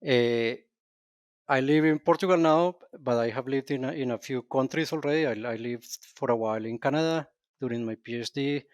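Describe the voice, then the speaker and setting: Measured man, dry sound. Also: mid-range voice, dry recording. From Colombia. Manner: thoughtful, measured, with restarts. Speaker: guest. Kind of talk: podcast interview.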